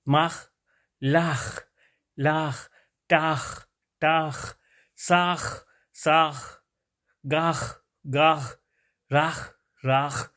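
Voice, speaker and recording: A man teaching pronunciation, slowly drawing out the sounds as he demonstrates each word. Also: on the high side. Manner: slow, drawn-out sounds when demonstrating words. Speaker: language teacher. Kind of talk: explaining pronunciation.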